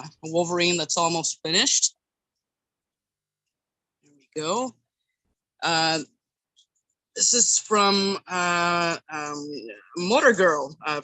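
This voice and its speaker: A hobby sculptor from Quebec talks casually through a live workshop tour. The voice is bright and forceful, with very little room sound around it. The delivery is informal and halting, feeling its way from phrase to phrase. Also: mid-range voice, no room sound, poor audio. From Quebec, Canada. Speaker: hobby sculptor streamer showing work. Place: home workshop in a house. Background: bubbling aquarium water, passing truck.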